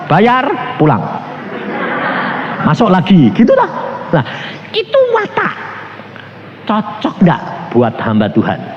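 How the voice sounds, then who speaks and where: A male preacher with a Javanese-influenced Indonesian accent, jokey and animated, who keeps firing rhetorical questions at the congregation. His voice sits high, and his pitch leaps wildly up and down. The recording is a little dull, with a faint hiss underneath. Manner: animated and joking, with frequent laughter and rhetorical questions. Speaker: evangelist preacher. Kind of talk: sermon with humorous personal anecdotes.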